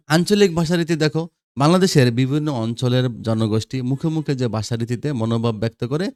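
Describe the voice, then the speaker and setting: Bangladeshi male teacher, mid-pitched, drills students with questions, dry close mic. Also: a little mellow, no echo. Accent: Bangladeshi Bengali. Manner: quizzing students, repeating answers. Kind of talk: lecture for school students.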